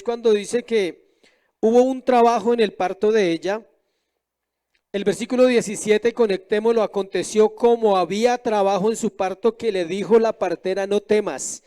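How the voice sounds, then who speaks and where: A man's voice: high-pitched, mellow. A middle-aged male pastor preaching a sermon, often asking the congregation questions.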